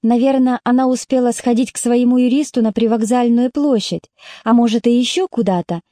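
A woman narrates an audiobook in a measured storytelling manner. Her voice is somewhat high but mellow and soft-edged. The recording is close and dry. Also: dry recording. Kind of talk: scripted narration.

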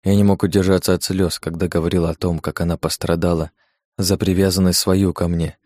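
A man with a low, deep voice reads an audiobook in a measured, old-fashioned storytelling manner. The recording is dry and close, with no room echo. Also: level tone, darkish tone. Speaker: narrator. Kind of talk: scripted audiobook narration.

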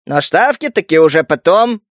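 A man voicing an old spider-like male mutant trader with a creaky, grumbling voice. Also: high-pitched, big pitch swings, moderate pace, no echo, studio quality. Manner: grumbling, reproachful.

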